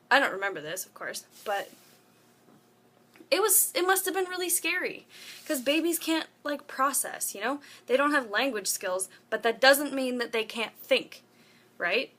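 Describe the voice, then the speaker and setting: Bright-voiced chatty young woman vlogger. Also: mid-range voice. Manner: chatty, rambling with many fillers and asides. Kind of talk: casual talk to camera. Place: room at home with a window open. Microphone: phone propped up.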